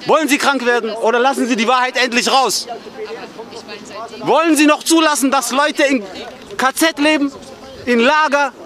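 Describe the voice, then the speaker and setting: Very high-voiced man shouting questions. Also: steady tone, normal speed, long pauses, a faint crowd. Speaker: protester. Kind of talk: angry street confrontation. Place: outdoors at a street memorial.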